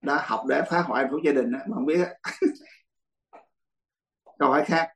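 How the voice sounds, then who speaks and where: A man's voice: mid-range voice, normal speed, slight background noise, poor audio. A man, a Buddhist monk, teaching a dharma class in a blunt, teasing way and laughing often.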